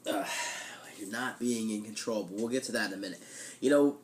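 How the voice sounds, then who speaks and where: A man's voice: on the low side, a little fast, slight background noise. A man with a congested, blocked-nose voice from a head cold, like he has tissue up one nostril, chatting casually and loosely as a vlogger. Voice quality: stuffy, blocked-nose sound. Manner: conversational, loose, frequent "you know". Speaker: weekly vlogger. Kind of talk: casual chat to camera.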